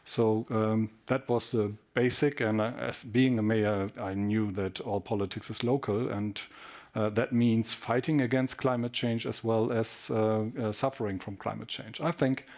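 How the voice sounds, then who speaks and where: A man with a German accent, a native German speaker, introducing himself on a panel with many hesitant pauses. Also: lowish voice, steady tone, a little mellow. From northwest Germany. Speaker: government state secretary.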